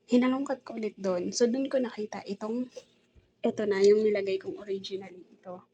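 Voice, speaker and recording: A woman's voice: mid-range voice, steady tone, a little fast, mellow, muffled recording, a little hiss or hum. A woman with a Filipino accent telling a rambling, aggrieved story in a casual vlog, mixing English words into her talk. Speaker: domestic helper vlogger.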